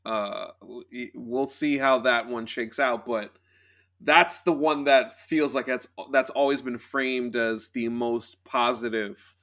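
Bright-voiced easygoing man. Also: medium pitch, steady tone, slow. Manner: easygoing, laughs while talking. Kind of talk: casual TV discussion.

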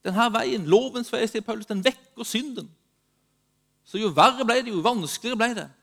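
Guy preaching, pretty high voice, goes loud then drops real quiet and slow. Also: creaky. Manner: dynamic, swings from urgent to hushed and slow. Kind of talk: sermon with personal testimony.

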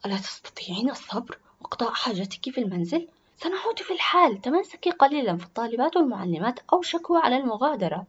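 Woman playing little seven-year-old girl, high cries. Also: very animated, racing, breathy edge. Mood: impatient. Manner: high, loud cries when frightened. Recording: dull lo-fi recording.

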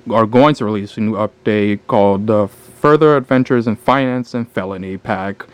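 A man co-hosting a casual gaming podcast, talking in a low-key, dry and sarcastic way. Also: moderate pace, smooth. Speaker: podcast co-host.

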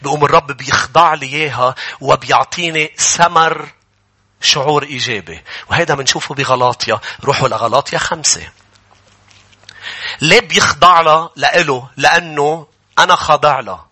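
A man's voice: fairly high pitch, brisk, pushed and bright, slightly rough. A male pastor preaching a Bible-study sermon, emphatic and questioning his congregation as he builds to fervent peaks.

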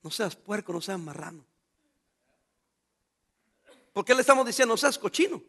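High, bright-voiced pastor preaching. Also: male voice, animated, moderate pace, vocal fry, breathy edge. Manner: emphatic preaching, rhetorical questions to the congregation. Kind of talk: sermon.

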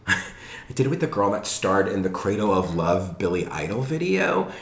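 A man's voice: low-pitched, big pitch swings, normal speed, a bit bright. A middle-aged man with a Southern California Valley accent, chatting casually in a gossipy, campy way and peppering his talk with "like". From Los Angeles, United States. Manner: gossipy, campy, liberal use of "like". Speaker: podcast guest, actor. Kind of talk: casual chat. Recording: roomy, echoey room sound.

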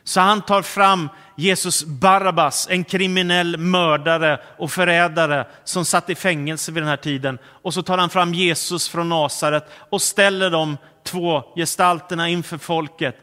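Man preaching in a reverberant hall. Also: fairly high pitch. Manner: storytelling, slows and softens on solemn words. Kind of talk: sermon retelling the Passion.

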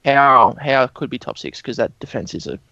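A man's voice: medium pitch, big pitch swings, moderate pace, bright, forceful tone, no room sound, muffled recording. An Australian man giving opinions in casual sports podcast chat. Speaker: podcast panellist.

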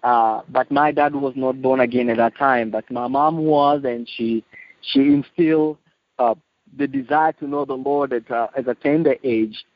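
A man in his late thirties with a Kenyan accent, giving a personal testimony in a halting, earnest way. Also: medium pitch, fairly even intonation. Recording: muffled, echoey lo-fi phone call.

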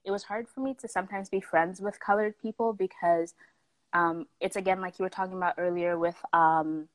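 A woman's voice: lowish voice, steady tone, brisk, no echo. A young woman from South Africa, telling a story in a casual chat with lots of fillers, acting out the people she quotes.

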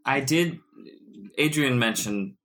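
A man co-hosting a casual film review podcast, joking and bantering quickly. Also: medium pitch, lively intonation, fairly bright tone. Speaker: podcast co-host.

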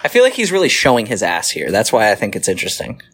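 A man's voice: fairly low pitch, wildly swooping pitch, fast, fairly bright tone, husky. A young man co-hosting a casual chat, joking, laughing often and swearing freely. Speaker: podcast co-host.

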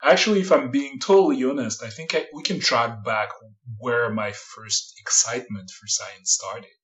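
A man, a researcher guest on a podcast, talks in a thoughtful, hesitant way, pausing on fillers. His pitch is mid-range for a man. The audio sounds a little dull, like a remote call recording. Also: a bit bright. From France, Paris area. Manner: thoughtful, hesitant, many fillers, laughs lightly. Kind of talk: casual interview talk.

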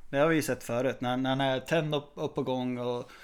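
A man co-hosting a casual tennis podcast, relaxed and hesitant, with many fillers. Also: mid-range voice, smooth. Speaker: podcast co-host.

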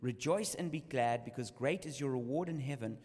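A man's voice: medium pitch, expressive, moderate pace, a little mellow. A man preaching a sermon in English with a live interpreter, telling a story dramatically. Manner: dramatic storytelling, rising and falling with the tale. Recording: reverberant hall sound.

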